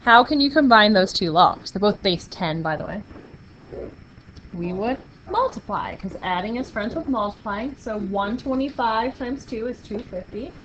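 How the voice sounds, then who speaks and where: A woman's voice: medium pitch, lively intonation, moderate pace, a bit bright. A woman teaching a math class, upbeat, playful and encouraging with her students. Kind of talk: classroom lecture. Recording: muffled classroom recording with faint noise.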